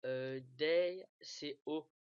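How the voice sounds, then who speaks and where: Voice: medium pitch, very slow, a little mellow, smooth, dry recording. A speaker walking viewers through a game tool in a casual screen-recorded tutorial, hesitating often, with many fillers and restarts. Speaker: gaming tutorial maker. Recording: dull lo-fi dry mic.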